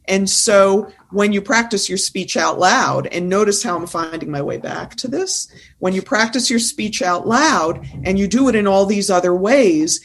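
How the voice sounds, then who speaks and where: A woman's voice: medium pitch, moderate pace, few pauses. A woman who coaches presentation skills, talking as a guest in an interview and making her points firmly and insistently. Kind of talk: casual interview conversation.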